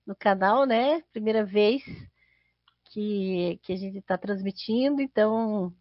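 A woman's voice: mid-range voice, slow, dry recording. A woman with a Brazilian accent hosting a casual live chat, hesitant and often repeating words as she goes. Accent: Brazilian Portuguese. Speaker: host of a podcast livestream. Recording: dull, dry lo-fi stream audio.

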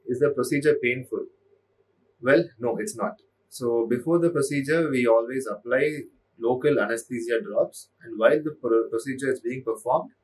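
Calm surgeon explaining to the camera. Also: male voice, medium pitch, distant mic, rough recording. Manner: measured, methodical, with small restarts. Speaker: eye surgeon. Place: medium-sized clinic exam room.

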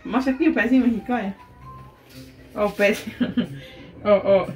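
A woman's voice: mid-range voice, moderate pace, a little mellow, faint music behind. A young woman, a mother filming a casual home vlog in a bedroom, cooing baby talk to her son and chatting to viewers with frequent laughs. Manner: laughs often while talking. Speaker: mother vlogging her baby's month birthday.

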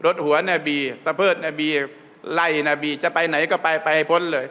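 Male religious teacher, bright and fairly high voice, lively sermon style, long hall reverb. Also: moderate pace. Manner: lively, asks the audience questions often. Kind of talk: Islamic sermon storytelling. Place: mosque training hall.

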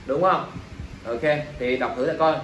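A man's voice: mid-range voice, unhurried, a bit bright. Echoey male teacher, quizzing his class. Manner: drills students with constant check-in questions. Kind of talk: exam review lesson. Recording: echoey room, mic at a distance, faint ambient noise.

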